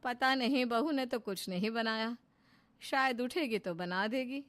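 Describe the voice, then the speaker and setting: A woman's voice: a little high, a little slow, fairly bright tone. A woman voicing a kind old mother-in-law. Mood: coaxing. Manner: affectionate, coaxing.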